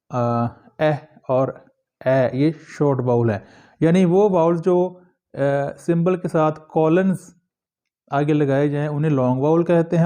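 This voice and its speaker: A male teacher giving a recorded lecture to students, reading English passages slowly and then explaining each one. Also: a little high, warm tone. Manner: addresses students directly.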